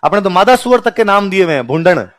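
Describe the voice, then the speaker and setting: A man's voice: sits high, sing-song, fast talker, a bit bright. A man teaching history, telling stories, joking and quizzing the class. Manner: chatty, jokes and laughs. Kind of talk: history lecture with storytelling.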